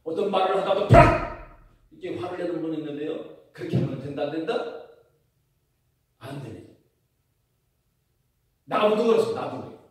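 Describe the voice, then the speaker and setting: Pastor guy preaching, kinda high voice, keeps asking the crowd stuff then gets loud, super echoey church, mic far away. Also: animated, fairly quick, pauses often. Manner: call-and-response preaching, asking the congregation questions; builds to loud emphatic declarations. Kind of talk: sermon. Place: church sanctuary.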